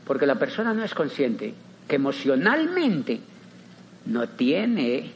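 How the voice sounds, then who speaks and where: A man's voice: mid-range voice, big pitch swings, takes it slowly, highs cut off, a little hiss or hum. A man giving a motivational business talk, theatrical, acting out little dialogues and repeating phrases for emphasis. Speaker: motivational speaker.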